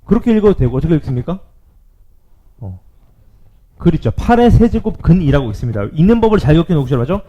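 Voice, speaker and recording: A male math teacher giving a lively classroom lecture, often checking in with his students. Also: a little high, quick pace, pauses often, dull audio.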